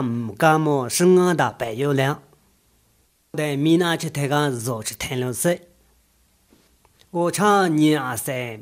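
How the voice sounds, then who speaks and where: A man speaking in film dialogue, calling out in an exclamatory way. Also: fairly high pitch.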